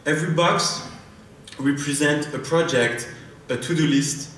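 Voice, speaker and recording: Speaking unhurriedly in a fairly high, fairly bright voice, a man from France with a French accent gives a live on-stage product demo as a startup founder. He hesitates, restarting often and filling pauses. It's recorded from a distance in a large, echoey conference hall with faint noise.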